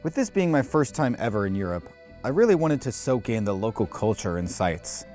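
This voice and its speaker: A man's voice: on the low side, very animated, brisk, a little mellow, soft background music. A man hosting a travel show, reading scripted voice-over with dry, tongue-in-cheek humor. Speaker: host and narrator.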